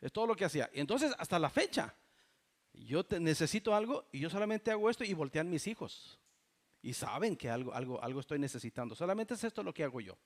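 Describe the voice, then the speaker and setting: A man's voice: fairly high pitch, big pitch swings, fast. A man, preaching a fervent sermon as pastor and often addressing the congregation as brothers. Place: church.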